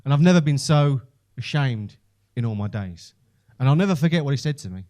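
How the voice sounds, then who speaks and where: With a medium-pitched, dark-toned voice, this Brummie comedian from Birmingham, England, tells his stand-up stories at a brisk clip with lively intonation. His delivery is conversational, self-deprecating and sweary.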